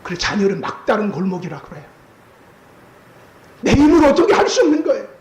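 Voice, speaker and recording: A male pastor preaching a sermon with strong emotion, acting out quoted voices and rising to shouts. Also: sits high, big pitch swings, fairly quick. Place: church sanctuary. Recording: echoey church sanctuary, faint noise.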